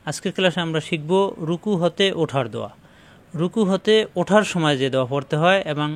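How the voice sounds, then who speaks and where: A man's voice: a little high, a bit bright. A man teaching Quran recitation letter by letter, patiently spelling out each sound and drawing out chanted phrases. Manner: slow drawn-out chanted recitation between plain explanations.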